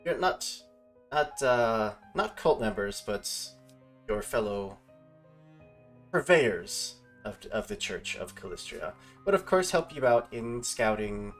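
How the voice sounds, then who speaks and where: A game master narrates a tabletop session in a slow, measured way, stopping and restarting as he finds his words. Soft music sits quietly behind his voice. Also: mid-range voice, big pitch swings. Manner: hesitant, restarts while describing scenes. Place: online stream with players.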